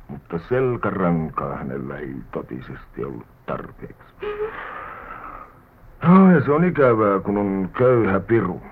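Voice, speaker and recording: Broke worldly drifter, low animated voice, wry and theatrical, thin old radio sound. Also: male voice. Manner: wry, theatrical, sprinkles English words. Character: poor wandering drifter man, wry and worldly. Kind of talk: vintage radio drama acting. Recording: tinny old radio broadcast recording.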